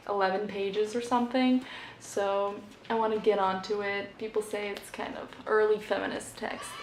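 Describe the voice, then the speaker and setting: Chatty woman with many fillers, echoey room. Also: a little high. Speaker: book vlogger. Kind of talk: casual book haul chat. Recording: echoey room, faint background noise.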